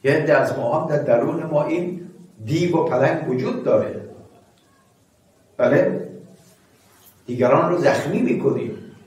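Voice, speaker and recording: A man giving a sermon as a cleric, reciting verses slowly and often asking listeners "right?". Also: on the high side, darkish tone. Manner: asks listeners "bale?" often. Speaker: cleric teaching ethics. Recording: echoey hall, mic far off.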